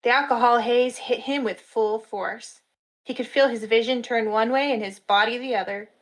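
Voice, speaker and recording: A woman narrating a fantasy story in a steady storytelling manner at a live reading. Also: on the high side, moderate pace, poor audio.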